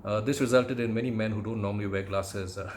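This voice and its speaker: A middle-aged man from India with an educated Indian English accent, reminiscing in a conversational monologue with measured, hesitant phrasing. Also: fairly low pitch, steady tone, a little mellow, slight background noise. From Calcutta, India. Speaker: podcast host, aviation commentator.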